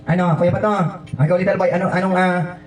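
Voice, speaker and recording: A man's voice: high-pitched, level tone, fast talker, faint music behind. A man hosting a children's birthday party as a clown, running guessing games in a playful, teasing way. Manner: playful and teasing, mixing English and Filipino. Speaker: party host dressed as a clown. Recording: echoey room, mic far off.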